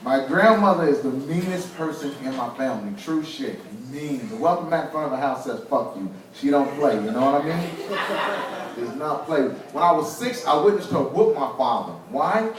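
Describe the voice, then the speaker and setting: Wry, high-voiced stand-up comic from Kentucky. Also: male voice, expressive, heavy reverb, far from the mic, noisy background. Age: 40s. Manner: wry, punchline-driven delivery with quick acted asides. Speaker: stand-up comedian. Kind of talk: stand-up comedy set. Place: comedy club stage.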